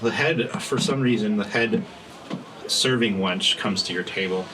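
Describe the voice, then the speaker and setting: A man working as game master, improvising tabletop narration in casual, halting phrases. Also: fairly low pitch. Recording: noisy room, ambient sound.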